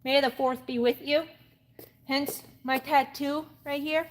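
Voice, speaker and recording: Her voice is high, her intonation fairly even and her pace measured as this late-twenties woman chats casually on a live workout stream. She's exercising in an indoor gym and frequently repeats herself. Background gym noise is present, with changing mic distance.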